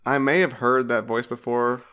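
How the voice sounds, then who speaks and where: A man's voice: medium pitch, flat delivery, moderate pace, fairly bright tone, clean tone. A man co-hosting a TV podcast, making dry teasing remarks in casual chat. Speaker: podcast co-host.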